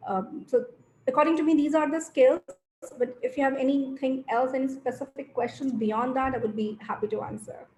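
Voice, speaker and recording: A woman's voice: high-pitched, fairly even intonation, a little fast, a little mellow, reverberant, a little hiss or hum. A woman with an Indian English accent, speaking as a panelist on a virtual panel discussion in a thoughtful way, with many fillers. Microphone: video call.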